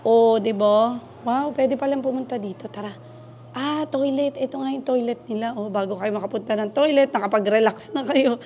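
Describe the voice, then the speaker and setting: A woman's voice: fairly high pitch, moderate pace, warm tone, a little hiss or hum. Gushing woman vlogging in the rain. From Philippines. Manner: chatty, gushing, mixes Tagalog with English. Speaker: travel vlogger. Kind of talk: casual walking tour vlog. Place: cafe garden during heavy rain.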